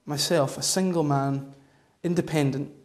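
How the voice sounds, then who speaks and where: A man giving measured interview answers in halting, deliberate phrases. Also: a little high, steady tone. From Scottish Highlands. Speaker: vox pop interviewee.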